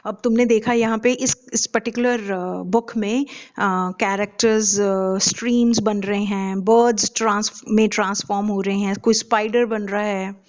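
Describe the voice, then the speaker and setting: Slow, deliberate woman teaching literature. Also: medium pitch, fairly even intonation, a little mellow. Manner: slow and deliberate, with many hesitant fillers and questions to the class. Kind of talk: lecture mixing Hindi and English. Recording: dull lo-fi recording.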